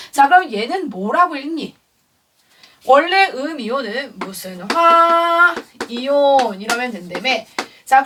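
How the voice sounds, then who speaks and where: A woman's voice: on the high side, a bit bright, recorded from a distance, a little hiss or hum. A woman teaching a chemistry lesson to a class, who keeps asking questions and then answers them herself. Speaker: science teacher. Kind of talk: classroom lecture.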